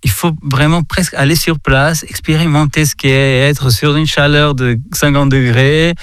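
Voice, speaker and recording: A man from Portugal giving a reflective faith talk, halting often and repeating words as he searches for them. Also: on the high side, fairly even intonation, fairly bright tone, smooth, no room sound. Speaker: speaker sharing a reflection.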